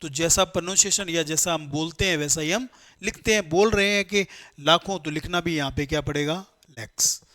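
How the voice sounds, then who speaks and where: A man gives a classroom grammar lecture and pitches his voice slightly high. He poses questions to the class and answers them himself, mixing with English terms as he works through each rule. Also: a little fast, pushed and bright. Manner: explains step by step, asks and answers his own questions; mixes Hindi with English terms. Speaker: English teacher for competitive exams.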